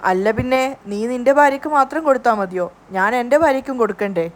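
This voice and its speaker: A woman's voice: a little high, quick pace, close to an everyday voice. A woman reading the lines of a good-humoured middle-aged man who jokes with his brother-in-law. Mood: playful. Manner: playful, joking.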